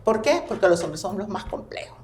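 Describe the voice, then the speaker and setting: Her mid-range voice moves briskly, with a little hiss or hum in the background. She's a family constellations therapist guesting on a casual podcast, telling stories with animation and expression, all captured in an echoey room.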